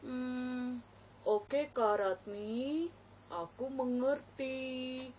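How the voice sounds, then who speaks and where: A woman voicing a slow soft puppet boy. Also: high-pitched, steady tone, far from the mic, a little hiss or hum.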